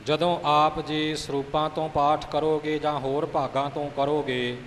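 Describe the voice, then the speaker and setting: A man patiently teaching correct recitation, politely repeating phrases slowly to demonstrate. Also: on the high side, little pitch movement. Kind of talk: instructive correction of pronunciation. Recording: hall reverb with faint hiss.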